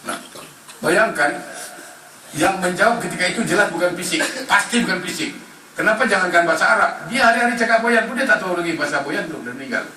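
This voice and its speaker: A man's voice: high-pitched, animated, fast talker, sharp tone, slight background noise. A man preaching a humorous lecture in a mosque, asking the congregation questions and answering them himself. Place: mosque hall. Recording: roomy, distant mic with faint ambience.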